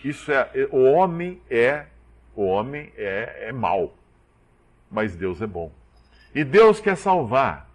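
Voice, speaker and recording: A man's voice: mid-range voice, takes it slowly. A man preaching a sermon, acting out the dialogue he quotes. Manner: animated, acts out quoted dialogue.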